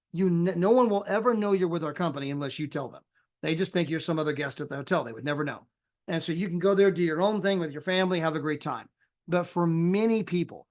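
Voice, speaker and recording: A man giving a chatty sales presentation over a screen share, often tagging his points with "right?" and "you know". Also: on the high side.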